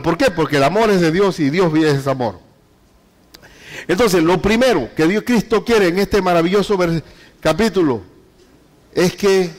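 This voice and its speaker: A man preaching a sermon as a pastor, reading scripture slowly and firing rhetorical questions at the congregation. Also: sits high, big-room sound. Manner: reads scripture aloud slowly and deliberately.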